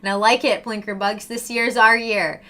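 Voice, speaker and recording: A young Canadian woman chatting casually with her livestream viewers, ranting and swearing freely in an animated way. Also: medium pitch, normal speed.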